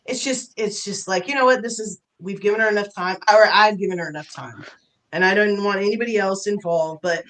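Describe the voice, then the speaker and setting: Bright-voiced woman hosting a chat. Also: medium pitch, fairly quick, low-quality recording. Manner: earnest, repeats herself while thinking aloud. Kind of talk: casual online group chat.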